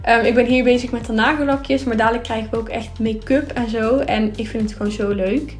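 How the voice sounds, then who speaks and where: A young woman talks through her cleaning routine in a friendly, casual voice-over, with an easy "ehm" here and there. Her voice sits a little high. Light music plays quietly beneath her. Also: fairly even intonation, a little fast. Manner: chatty and upbeat, with filler words. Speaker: vlogger.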